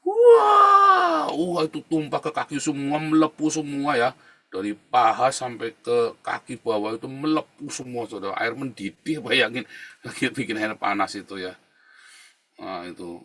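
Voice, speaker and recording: A man pastor preaching a sermon in a chatty, storytelling way, often dropping to a low murmur and then rising into loud emphatic bursts. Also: normal speed. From Indonesia. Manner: conversational preaching, keeps adding "saudara ya". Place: the Netherlands.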